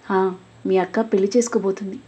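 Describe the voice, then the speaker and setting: Woman doing a gentle elder brother, quiet and reassuring, breathy husky tone, storybook reading. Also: medium pitch, steady tone, fast talker, highs cut off, close to an everyday voice. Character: calm protective elder brother, adult man.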